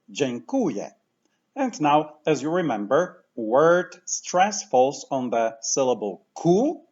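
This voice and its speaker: Slow, lively male language teacher. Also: mid-range voice, lo-fi sound. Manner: patient, repeats words for the listener to copy. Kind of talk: slow, clear pronunciation lesson.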